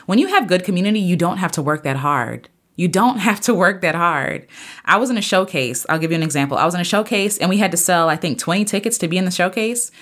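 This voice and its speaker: Earnest lower-voiced woman podcaster in her thirties. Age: 30s. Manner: earnest, preachy, animated with sudden pitch jumps. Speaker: podcast host and singer. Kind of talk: casual motivational podcast monologue.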